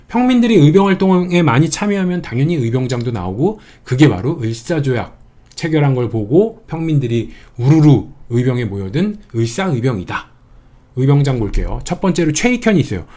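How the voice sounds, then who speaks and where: A man's voice: mid-range voice, sing-song, brisk, mellow. A man giving an exam-prep history lecture, chatty and playful, building mnemonic wordplay as he teaches.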